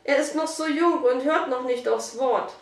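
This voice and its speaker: A woman reads a children's story aloud at a steady, even pace. Her voice sits fairly high. The room rings, and she is some distance from the mic. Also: moderate pace, roomy sound. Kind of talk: storybook read-aloud narration.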